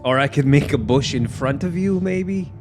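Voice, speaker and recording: A man's voice: on the high side, normal speed. A man taking part as a player in a tabletop fantasy game, improvising in casual chat. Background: music.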